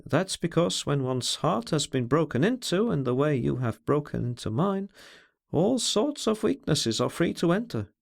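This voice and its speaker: A man reading aloud, voicing a brooding, bitter man who talks over his feelings in an introspective, measured way. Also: fairly high pitch, sing-song, creaky. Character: brooding, scornful, self-searching man.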